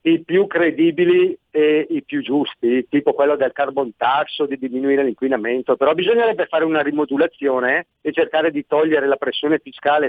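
A man's voice: on the high side, dry recording. A middle-aged man calling in to a radio show over a phone line, earnestly pressing his point. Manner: earnest, insistent argument. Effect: phone-line call into a radio show. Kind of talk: call-in comment on taxes. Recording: tinny phone line, dry.

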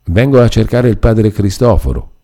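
A man's voice: on the low side, sing-song, normal speed, dark tone, pitched above the performer's own voice. A man reading aloud and voicing a distressed middle-aged peasant mother who pleads anxiously, close to tears.

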